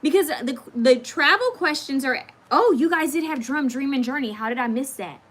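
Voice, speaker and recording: A woman's voice: high voice, expressive, normal speed, a bit bright. A woman in her thirties chatting casually on a livestream, reading viewer comments aloud and drawing oracle card messages, often restarting her sentences. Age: 30s.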